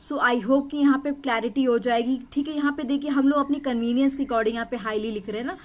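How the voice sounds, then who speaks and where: A woman's voice: high voice, fairly even intonation, fast talker. A young adult woman teaching a stenography lesson, explaining step by step in a patient, repetitive way and often checking in with her students.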